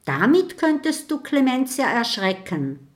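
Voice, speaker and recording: A woman's voice: sits high, very animated, a little slow, pitched above the performer's own voice. A woman voicing a curious, clever little boy dragon who talks in a friendly, inquisitive way. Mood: lively.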